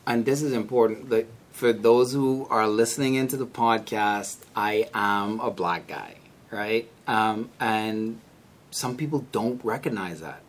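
A man's voice: lowish voice, measured pace. A man with a Bahamian accent speaking as a podcast guest in a conversational, reflective way, often repeating words as he searches for phrasing. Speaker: podcast guest, senior scientist. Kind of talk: conversational interview.

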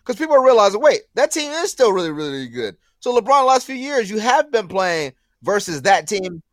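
A man's voice: high voice, fairly quick, dry recording, clean studio sound. A man co-hosting a sports talk show, ranting with disbelief in a heated debate. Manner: incredulous, ranting, animated.

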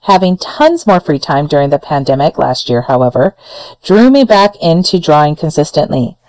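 A woman's voice: deep voice, big pitch swings, moderate pace, a little mellow, dry recording, rough recording. A woman hosting a solo advice podcast, talking straight to one listener in an earnest, encouraging way. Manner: earnest, encouraging, direct address. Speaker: podcast host.

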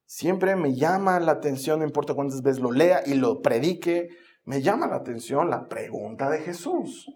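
A man preaching a sermon, telling Bible stories in a dramatic, animated way with jokes along the way. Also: a little high, normal speed.

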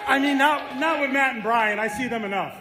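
A man's voice: very high-pitched, a little fast, over loud music. A man cutting an arrogant wrestling promo, boasting and taunting a live audience at an indoor event. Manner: boastful, shouting, taunting the crowd. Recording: echoey venue, loud crowd noise.

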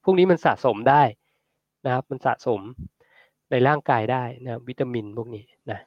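A man hosting a casual livestream, chatting and answering viewer comments in a relaxed, friendly way. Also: mid-range voice, normal speed, dry recording, highs cut off. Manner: relaxed, chatty, ends phrases with polite particles. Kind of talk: casual livestream talk on health.

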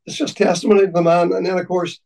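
Higher-voiced Donegal Irish man, halting delivery. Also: flat delivery, gravelly, a little mellow, distant mic, low-quality recording. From County Donegal, Ireland. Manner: halting, repeats words. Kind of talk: reminiscing conversational tribute.

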